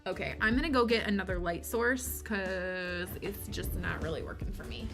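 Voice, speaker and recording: Over a lofi soundtrack, a tired woman hosting a co-working livestream talks casually with her viewers at a moderate pace in a mid-range voice. She has a Michigan accent, being from the United States, and tends to ramble, joke at her own expense, and respond to chat questions.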